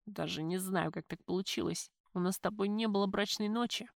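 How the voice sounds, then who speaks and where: A woman's voice: medium pitch, brisk, creaky, dry recording, studio quality, close to an everyday voice. A woman reading a sulky young husband. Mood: sheepish. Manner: sullen, defiant, grumbling. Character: sulky young man, a spoiled newlywed son.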